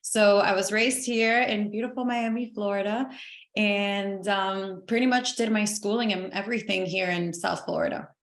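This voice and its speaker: A woman's voice: medium pitch, fairly even intonation. Talkative woman in an echoey room. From Venezuela. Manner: talkative, upbeat, quick to laugh. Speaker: podcast guest. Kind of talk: casual interview chat.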